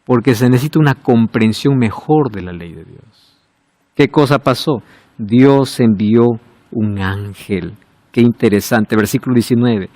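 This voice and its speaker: A man preaching a sermon, asking rhetorical questions and swinging from loud emphasis to hushed low words. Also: lively intonation, normal speed, no room sound.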